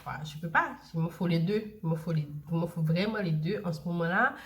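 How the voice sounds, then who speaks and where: A woman's voice: fairly low pitch, brisk. A young woman, chatting casually to camera and repeating herself with many fillers. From Saint Lucia. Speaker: vlogger.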